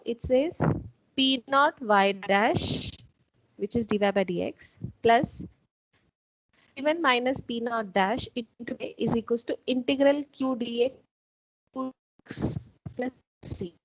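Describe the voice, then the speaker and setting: A woman's voice: on the high side, slow pace, pauses often, no echo. A woman teaching a math class online, explaining patiently step by step. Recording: dull, dry online-call audio.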